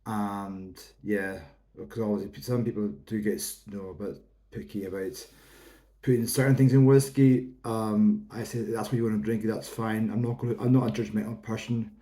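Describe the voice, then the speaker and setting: A whisky reviewer speaks to camera in a relaxed, rambling, explanatory manner. He's in his thirties, from the Isle of Lewis, Outer Hebrides, Scotland, with a Hebridean Scottish accent. His warm, lowish voice has fairly even intonation and a normal speed.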